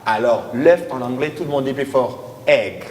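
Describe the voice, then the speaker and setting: A man from Congo leading a lesson with children, coaxing them and repeating prompts loudly. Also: mid-range voice, normal speed. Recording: echoey hall from far off.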